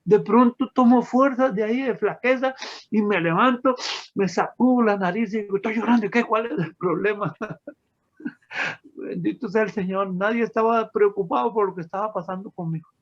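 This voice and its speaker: A man with a voice that sits high, speaking at normal speed, shares his personal testimony with an audience, emotional and storytelling, and he calls his listeners friends. The recording has a dull lo-fi sound.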